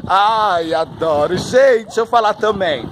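A man's voice: high voice, lively intonation, measured pace, rough recording. A flamboyant, chatty man telling a story outdoors on a street, recorded on a handheld phone. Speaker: vlogger. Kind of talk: casual storytelling vlog while walking. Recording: street noise behind.

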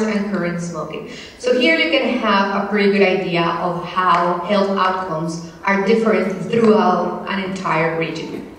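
A woman's voice: medium pitch, recorded from a distance. Colombian-born woman lecturing in an echoey hall. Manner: measured, explanatory, steady. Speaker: panel speaker. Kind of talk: lecture presentation.

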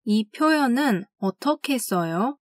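A woman teaching language, reading classroom phrases slowly and carefully and saying each one twice. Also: a little high, animated, no room sound, studio quality. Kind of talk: scripted phrase drill.

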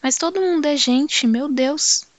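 A man's voice: extremely high pitch, unhurried, no echo, voice pushed up. A woman voicing an impatient, boastful young man in an audiobook, talking dismissively. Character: boastful young male northeastern metalworker, impatient.

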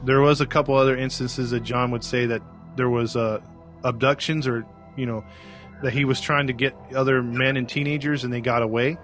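A man with a medium-pitched, fairly even voice talks a bit quickly and brightly, with faint music in the background. He co-hosts a true-crime podcast and recounts the case in a casual, rambling way, full of fillers and restarts.

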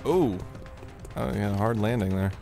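A man with a low, gravelly voice and an unhurried pace talks through a game as he plays. He chats casually, thinks out loud and laughs often. Game music runs clearly under his desk mic. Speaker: gaming channel host. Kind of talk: casual let's-play commentary. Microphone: desk mic on a stand.

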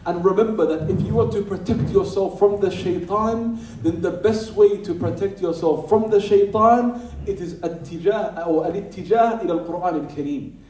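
Man, religious lecturer, fairly high voice, mellow tone, emphatic, rhetorical questions. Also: normal speed, slight background noise. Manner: emphatic, repeats key phrases, rhetorical questions. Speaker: Islamic teacher. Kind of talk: lecture to a live audience. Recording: roomy hall, speaker far from the mic.

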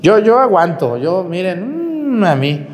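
A priest giving a homily in a lively, conversational way, his voice swinging up and down as he addresses the congregation. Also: sits high, slow, long reverb tail. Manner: lively, conversational preaching with sudden rises and drops.

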